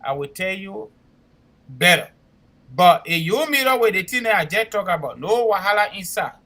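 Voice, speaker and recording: A man's voice: sits high, animated, moderate pace, bright, forceful tone. A man with a West African accent making a spoken promotional announcement as a talk show co-host, emphatic and repeating himself for clarity. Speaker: co-host and immigration consultant.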